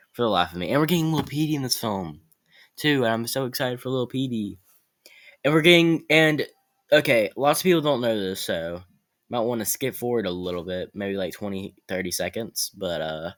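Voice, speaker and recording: A man vlogging about upcoming movies in a casual, excitable way, rambling and correcting himself as he goes. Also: fairly low pitch.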